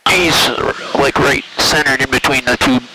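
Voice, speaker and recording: A man's voice: medium pitch, fairly even intonation, moderate pace. A man chatting casually as a passenger on a photo flight, heard through a headset in a small plane. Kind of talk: casual intercom chat. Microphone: aviation headset. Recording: noisy cockpit intercom with engine drone.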